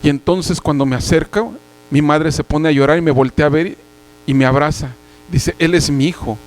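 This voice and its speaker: A young man preaching earnestly, telling a personal testimony and clearing his throat at times. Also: a little high, normal speed, low-quality recording. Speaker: church brother giving a sermon.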